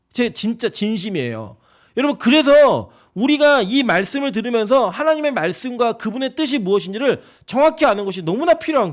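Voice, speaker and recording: A man preaching a sermon as pastor, emphatic and conversational, often asking the congregation rhetorical questions. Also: high voice.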